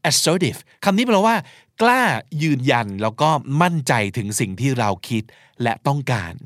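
A man's voice: fairly high pitch, sing-song, normal speed, no room sound, studio quality. A man hosting a podcast, teaching and explaining vocabulary, spelling out words and acting out short examples. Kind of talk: explanatory language lesson talk.

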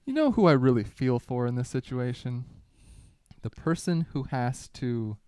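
Sarcastic podcast dude, smooth clear voice, dry close mic. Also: male voice, medium pitch, very animated, normal speed, a little mellow, no room sound. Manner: sarcastic, mock-exasperated. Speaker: podcast co-host. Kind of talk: casual comedic chat.

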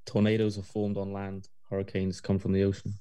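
A man's voice: low voice, completely flat delivery, fairly quick, dark tone, smooth, no echo. A British man chatting on a podcast in a dry, matter-of-fact way. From Britain. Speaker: podcast co-host. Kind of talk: casual podcast chat.

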